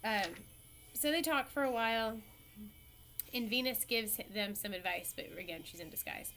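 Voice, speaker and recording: A woman teacher giving a casual classroom lecture, retelling an old epic in a chatty way, pausing to correct herself and asking the class questions. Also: on the high side, fairly bright tone, faint music behind.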